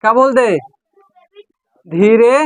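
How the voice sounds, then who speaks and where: A man's voice: extremely high pitch, takes it slowly, smooth, no echo, rough recording. Man drilling a class with questions. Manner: repetitive call-and-response drilling, asks the class questions. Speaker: English teacher. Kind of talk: classroom lesson.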